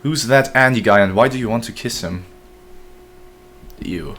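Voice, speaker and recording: A man's voice: medium pitch, normal speed, a bit bright, a little hiss or hum. A man casually commenting on his gameplay during a live stream, joking and chatting with his viewers. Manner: joking, chatty, reads chat aloud. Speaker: game streamer.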